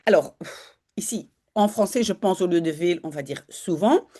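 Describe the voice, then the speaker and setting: A woman's voice: fairly low pitch, moderate pace, dark tone. A woman teaching Dutch, talking learners through a news article in a chatty way, with many fillers and self-corrections.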